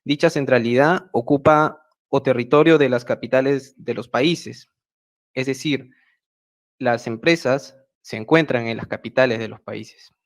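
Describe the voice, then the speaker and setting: A man with a Peruvian Spanish accent gives a prepared talk over a video call. He speaks in a measured way and fills his pauses with hesitant fillers. His voice sits at a middle pitch for a man. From Peru, central Andes. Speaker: speaker at an online project meeting. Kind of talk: prepared talk at a web meeting. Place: home, remote video call. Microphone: video call mic.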